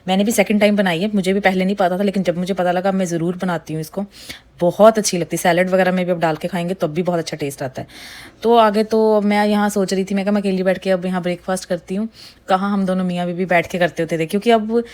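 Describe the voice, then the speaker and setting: A woman narrates her family's daily routine as a vlog voice-over. She speaks fast in a slightly low register, chatty and homely, with English words slipped in. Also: steady tone, a little mellow. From India. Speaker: vlogger, mother of two.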